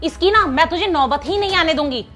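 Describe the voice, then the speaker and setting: A woman's voice: extremely high pitch, lively intonation, brisk, a bit bright, faint music behind. A woman acting a bossy wealthy house mistress who scolds and taunts in a short drama skit. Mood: scolding. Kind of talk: scripted Hindi skit acting.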